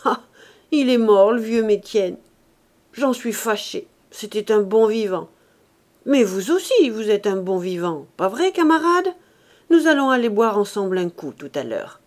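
A woman reading aloud, voicing an anxious old limping peasant gardener who talks loudly and coaxingly. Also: fairly high pitch, sing-song, moderate pace. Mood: jovial coaxing. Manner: loud, jovial, coaxing.

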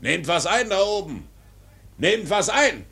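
Defiant old whaling captain Ahab. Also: male voice, sits high, very animated, slow, creaky, pushed and bright, husky, exaggerated voice. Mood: grandiose defiance. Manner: commanding, grandiose, stubborn. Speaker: actor in a radio drama. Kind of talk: German radio play acting.

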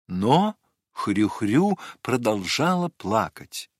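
Expressive male fairy tale narrator. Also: fairly low pitch, slightly rough, no room sound, clean studio sound. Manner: expressive, measured storytelling.

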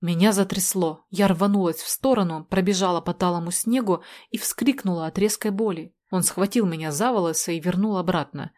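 A woman narrating a story in the first person in a steady, measured way. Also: fairly low pitch. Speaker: audiobook narrator.

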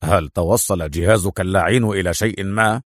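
A man's voice: sits low, fairly quick, no room sound, clean studio sound, voice pushed down. A man voicing a bitter, mocking male villain in a thriller audiobook. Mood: sneering. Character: sneering angry male villain boss.

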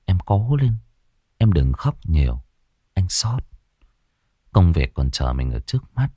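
A gentle young husband on leave from the army, as a male storyteller plays him, speaking low and consoling. His voice is very deep, with a lively pitch, recorded dry and close. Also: moderate pace, no echo. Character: gentle young soldier husband, sad and patient.

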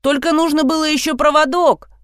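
A woman's voice: high-pitched, steady tone, brisk, a bit bright, no echo, studio quality, voice pushed up. A woman voicing a whiny, anxious young boy in a read-aloud story. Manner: whining, anxious.

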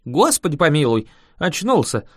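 A man's voice: very animated, brisk, warm tone, no room sound, clean studio sound. A man voicing a frightened, superstitious young peasant who shrieks hysterically. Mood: panicky. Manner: shrill, hysterical yelping. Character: panicky superstitious male peasant, young adult.

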